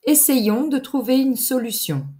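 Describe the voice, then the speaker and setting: A woman teaching grammar in a clear, deliberate lesson voice, pausing for exercises. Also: high voice, warm tone. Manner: deliberate, articulated teacher's delivery with pauses for exercises. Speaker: French teacher.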